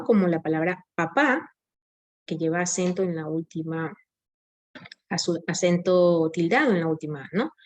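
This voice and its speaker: A woman's voice: fairly low pitch, a little mellow. A woman giving a recorded grammar lecture, explaining step by step with frequent tag questions and small self-corrections. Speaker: teacher.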